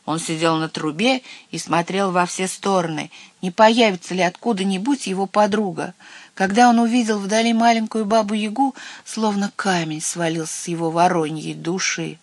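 An expressive storyteller reads a children's fairy tale aloud at an even, steady pace. The voice is close and dry, with no room sound around it. It has the feel of an audiobook. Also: mid-range voice, moderate pace, dry recording. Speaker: narrator.

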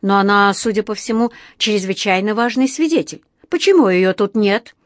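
A woman's voice: mid-range voice, normal speed, dry recording, clean studio sound, natural voice. Irritable male judge, read by a woman, curt, stern, impatient.

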